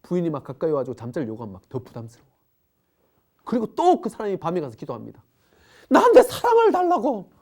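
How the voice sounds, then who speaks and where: A woman's voice: on the low side, dark tone. A middle-aged woman giving a parenting lecture, acting out the people she describes as she talks.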